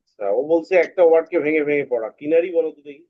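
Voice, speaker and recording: A man's voice: a little high, racing, narrow, tinny audio. A man teaching English to a class, patiently repeating points and calling on students by name.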